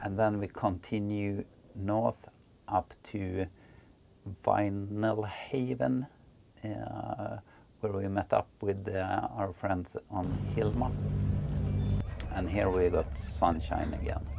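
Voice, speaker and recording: Slow, gravelly-voiced Swedish man narrating. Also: on the low side, fairly even intonation, darkish tone. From Sweden. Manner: unhurried, with many filler pauses. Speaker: sailing vlogger. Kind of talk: casual travel narration.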